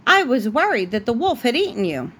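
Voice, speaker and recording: A woman's voice: on the high side, big pitch swings, a little fast, a bit bright, husky, full character voice. A woman voicing an innocent, polite little storybook girl with a sweet, wondering manner. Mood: relieved.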